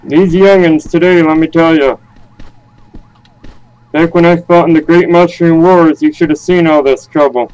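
A man's voice: a little high, fairly even intonation, normal speed, a little mellow, clean tone, close to an everyday voice, rough recording. A man voicing a cranky, stereotypical old man of about ninety who scolds youngsters during a game. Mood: rambling. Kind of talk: in-game role-play.

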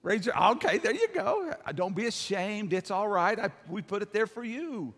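An older pastor preaches to his congregation from the stage of a church hall, his high, expressive voice fairly bright and at normal speed. His style is folksy and emphatic, and he keeps seeking amens, with long hall reverb on the recording.

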